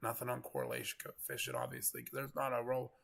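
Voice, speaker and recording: A man with a gravelly, congested voice from getting over a cold, giving casual, rambling live storm coverage commentary. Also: mid-range voice, big pitch swings, fast talker, a bit bright. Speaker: live weather stream host, storm chaser.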